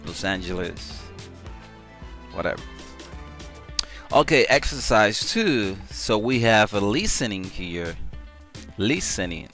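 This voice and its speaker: A man teaching a beginner English grammar lesson, repeating example sentences slowly and clearly. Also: on the low side, animated, a bit bright, soft background music. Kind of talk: slow classroom-style grammar lesson.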